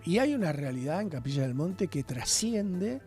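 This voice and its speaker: A man's voice: on the high side, sing-song, normal speed, darkish tone, faint music behind. A man, a guest in a radio interview, talking passionately and often checking in with his listener. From Argentina. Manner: passionate, talks with rhetorical tags.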